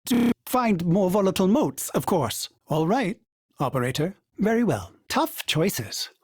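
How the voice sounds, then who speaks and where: For video game voice lines, a man voices a devoted, fussy male ship AI who speaks formally and refers to himself by name in the third person. His husky, exaggerated delivery is unhurried and earnest but excitable, with sudden jumps in pitch and speed. The recording is dry and clean, studio quality.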